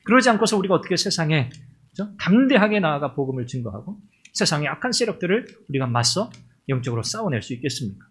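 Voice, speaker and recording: Impassioned husky-voiced male pastor. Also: fairly high pitch, very animated, fast, a bit bright. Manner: impassioned preaching, acting out voices of biblical figures. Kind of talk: sermon.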